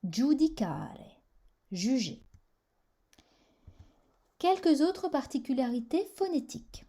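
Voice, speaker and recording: Woman doing a slow careful pronunciation lesson, kinda high voice. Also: very animated, dark tone. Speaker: language teacher. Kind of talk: scripted language lesson.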